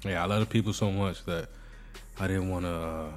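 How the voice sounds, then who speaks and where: This podcast host has a cold, and his nasal voice comes through as he jokes and banters in a casual chat. He speaks briskly at a low pitch with fairly even intonation. Soft music plays in the background.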